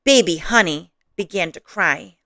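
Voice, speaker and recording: Expressive woman reading children's stories. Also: fairly low pitch, a little slow, dry recording, studio quality. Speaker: storyteller host. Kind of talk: children's story read-aloud.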